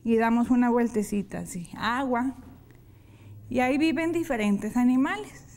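Female sign language teacher, high-pitched, patient step-by-step explainer. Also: a little mellow. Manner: slow, step-by-step explanation of hand signs. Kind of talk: televised classroom lesson.

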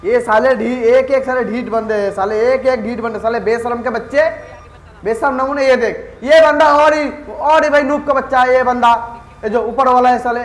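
A man giving live gameplay commentary as a gaming YouTuber, excitable and trash-talking rivals with swearing. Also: very high-pitched, normal speed, roomy sound, poor audio.

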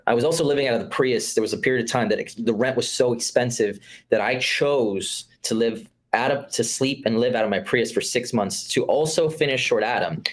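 A man in his thirties from Florida, a guest filmmaker talking casually over a video call, laid-back and full of fillers. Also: medium pitch. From Florida, USA. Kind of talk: casual conversation. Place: room with curtained window.

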